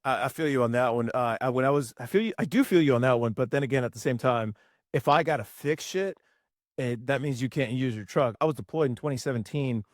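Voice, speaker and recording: A man's voice: medium pitch, fairly quick, dry recording, studio quality. A young man, a former military mechanic, telling stories in casual podcast chat, swearing freely. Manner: profane, animated storytelling.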